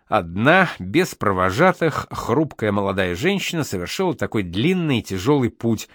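Expressive man reading old letters. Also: fairly low pitch, normal speed, no room sound, clean studio sound. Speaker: reader.

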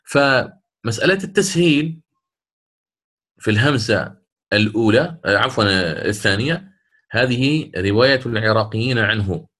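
A male recitation teacher talks through the rules with patient, step-by-step care. His pitch sits at an ordinary middle height for a man, and he slows to a drawn-out chant whenever he recites an example. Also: expressive, fairly bright tone. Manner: patient, step-by-step explanation, chants short verse examples slowly. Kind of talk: recorded lesson.

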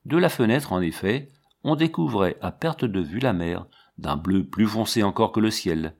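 A man narrating a classic storybook in a measured, clear storytelling manner. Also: on the low side, expressive, darkish tone. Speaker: audiobook narrator. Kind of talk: scripted narration.

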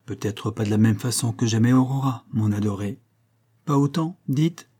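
Brief: indulgent captain, read by a man, mellow husky voice. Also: medium pitch, normal speed, lightly acted. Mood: fond. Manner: fond, reassuring. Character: gentle, indulgent army captain.

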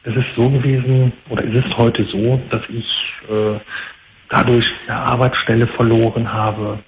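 A man in his thirties calling a talk show, giving a halting personal account over an unclean phone line. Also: mid-range voice, flat delivery. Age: 30s. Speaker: phone-in caller. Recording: unclean tinny phone line, faint noise.

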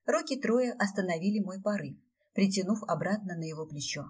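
Expressive woman audiobook narrator, husky timbre. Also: mid-range voice, fairly quick, recorded from a distance. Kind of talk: first-person fantasy audiobook narration.

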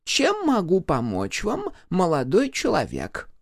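A man's voice: sits high, wildly swooping pitch, a little slow, creaky, dry recording, studio quality, pitched above the performer's own voice, exaggerated voice. A man voicing a sly elderly grandmother who pretends to be hard of hearing, speaking sweetly and innocently. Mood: feigned innocence. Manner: sweetly innocent, mock-deaf.

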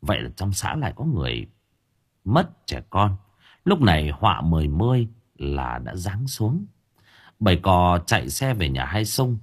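A man narrating a serialized audiobook story with expressive, varied intonation. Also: low voice, normal speed, breathy edge.

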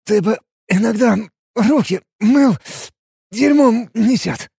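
A man's voice: sits high, slow, vocal fry, dark tone, breathy edge, dry recording, clean studio sound, pitched above the performer's own voice, exaggerated voice. A man voicing a breathless defiant young guy. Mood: winded. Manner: short of breath, curt. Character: young male street kid, winded and defiant.

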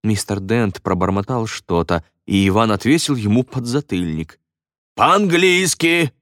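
A man narrating an audiobook in an expressive storytelling manner, recorded close on a studio mic. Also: on the low side, normal speed, no echo. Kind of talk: scripted narration.

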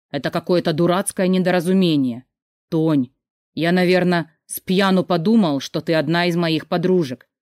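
Brief: woman reader doing a lowered, soft young man's voice, begging forgiveness, close and dry. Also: no echo. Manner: quiet, pleading, guilty. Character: remorseful young man, the heroine's brother.

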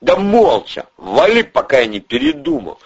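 A man voicing a tough, gruff male gangster who speaks in curt threats. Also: high-pitched, wildly swooping pitch, normal speed, pitched above the performer's own voice, full character voice. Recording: dull lo-fi audio.

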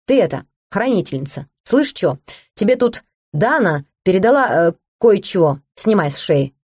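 A woman voicing a small, rude, raspy young male dragon who talks in cheeky slang in a storybook reading. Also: mid-range voice, expressive, moderate pace, darkish tone, no echo, studio quality. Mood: cocky.

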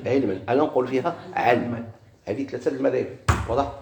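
Moroccan-accented male teacher, mid pitch, repeats key words, recorded in an echoey room with faint background noise. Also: rapid-fire, vocal fry, a crowd in the background. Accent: Moroccan Arabic. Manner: asks questions and answers them himself, repeats key words. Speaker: grammar teacher. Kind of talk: classroom lesson on Arabic grammar.

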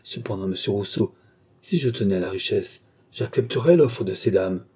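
A man's voice: fairly low pitch, expressive, normal speed, darkish tone, husky. A man voicing a humble young man who pleads and cries out in anguish, in a storybook reading.

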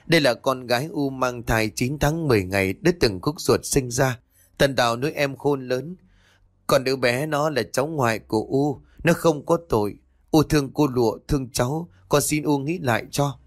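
A man voicing a gentle young daughter-in-law who coaxes and pleads softly. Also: mid-range voice, normal speed, no echo, studio quality, lightly acted. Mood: coaxing. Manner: gentle, coaxing.

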